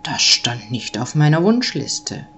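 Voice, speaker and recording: Storybook Nikolaus, old and big-voiced, read by a woman: deep, slow, gentle, warm-hearted. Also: very animated, slight background noise, heavily acted. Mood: kindly. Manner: slow, low and friendly.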